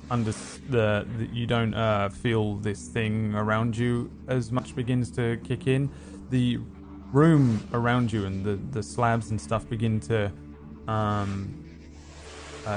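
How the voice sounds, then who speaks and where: A man narrating a tabletop game as game master, haltingly searching for words. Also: on the low side.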